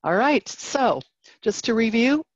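A woman's voice: on the high side, lively intonation, slow, no echo. A woman giving an instructional talk on reading, explaining methods and modeling classroom prompts step by step. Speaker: literacy education presenter. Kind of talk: instructional presentation. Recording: dull, dry audio.

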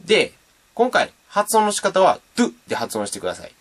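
A man's voice: high voice, huge pitch swings, fairly quick. A man giving a casual, playful beatbox tutorial and demonstrating sounds as he explains. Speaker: beatbox teacher.

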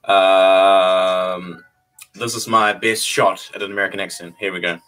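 This laid-back young man with a New Zealand accent answers viewers on a livestream through a desk-distance webcam in a small bare room, chuckling and repeating phrases. His voice is low and a bit bright, with fairly even intonation and an unhurried pace, on a rough recording.

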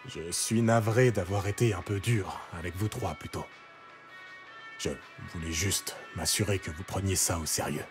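A man's voice: sits low, moderate pace, music in the background, close to an everyday voice. An actor playing a stern, weary middle-aged father in naturalistic video game dialogue. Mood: stern, apologetic.

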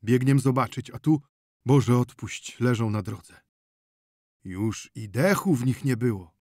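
A man voicing an anxious male village peasant who loudly and urgently retells an accident in an audiobook. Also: mid-range voice, a little slow, no echo, studio quality, lightly acted. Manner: loud, urgent, breathless retelling.

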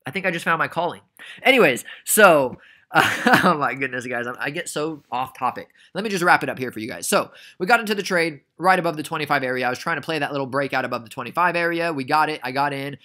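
A man's voice: on the high side, animated, quick pace, sharp tone. A young man casually recapping a stock trade for beginners, chatty and prone to rambling tangents. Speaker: trading educator.

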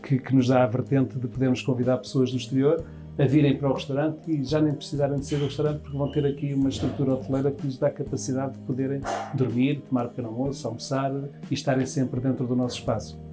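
Music plays beneath a quick, flat mid-range voice: a European Portuguese man in his fifties who manages a restaurant. He gives long answers to interview questions in the indoor dining room, hands moving, frequently restarting his phrases.

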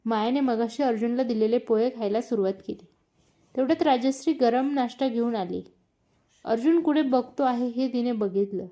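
Mellow woman narrating a story. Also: a little high, normal speed.

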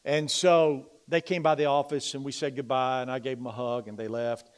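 A middle-aged male pastor preaching a sermon in a church. He moves between loud, emphatic preaching and quiet, confiding personal stories. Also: mid-range voice, little pitch movement, normal speed, clean tone. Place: church sanctuary.

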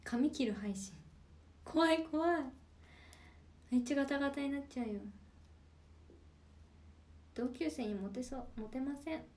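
A woman's voice: high-pitched, normal speed, pauses often, mellow. A young woman of about nineteen chatting casually on a livestream, reading out viewer comments and playfully teasing them back. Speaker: idol livestreamer.

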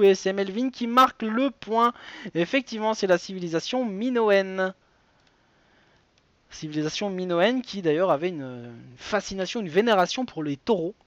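A man's voice: sits high, dry recording, muffled recording. A man hosting a live web quiz show, chatty and digressive, reading questions and wandering into side stories with many fillers.

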